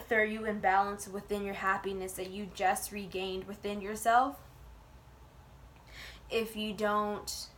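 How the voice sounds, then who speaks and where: A woman's voice: medium pitch, fairly bright tone, a little hiss or hum. A woman reading tarot in an informal, chatty way, with blunt, colloquial phrasing and frequent swearing. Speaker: tarot reader.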